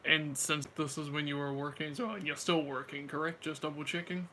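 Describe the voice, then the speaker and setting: A man's voice: on the high side, level tone, normal speed, pushed and bright, slight background noise. A man chatting casually with a friend about everyday things, in slangy, informal speech. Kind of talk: casual chat.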